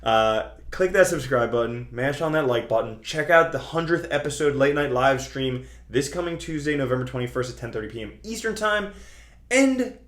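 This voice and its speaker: This cryptocurrency trading channel host speaks at a moderate pace in a mid-range, fairly bright voice with lively intonation. He explains things to his online audience in an emphatic, colloquial, chatty manner, captured in an echoey, roomy space.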